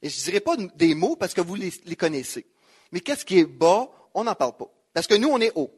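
Quebec french preacher guy, pretty high voice, hammers his points, reads verses. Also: sing-song, fairly quick, darkish tone, husky. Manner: emphatic, repeats key phrases, quotes scripture. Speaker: pastor. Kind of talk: sermon.

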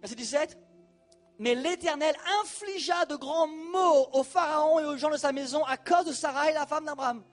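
High-voiced animated preacher. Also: male voice, normal speed, soft background music. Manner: animated, colloquial, addresses congregation directly. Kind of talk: sermon.

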